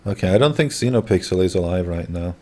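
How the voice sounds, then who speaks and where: A man's voice: sits low, animated, quick pace, a little mellow. A man hosting a livestream, talking casually to his viewers and guests. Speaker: livestream host.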